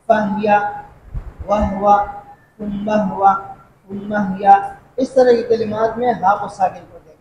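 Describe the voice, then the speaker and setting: A man's voice: high-pitched, a little mellow, highs cut off. A man teaching Quran recitation rules, explaining patiently, repeating points and asking if students follow. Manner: repeats points and checks understanding. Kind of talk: classroom explanation. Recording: echoey room with faint noise.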